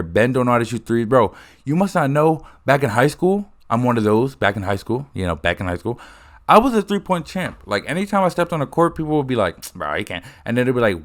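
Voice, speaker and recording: A young man in a rambling, profane casual rant, talking close to the mic. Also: mid-range voice. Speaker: host.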